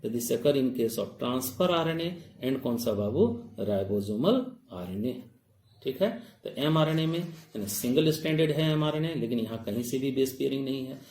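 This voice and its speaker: Guy doing a biology exam-prep lecture, gravelly voice, echoey room, keeps quizzing the class. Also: medium pitch, expressive, a little slow, darkish tone, slight background noise. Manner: rhetorical questions to students, addresses them as "babu"; mixes Hindi with English technical terms. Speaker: biology teacher.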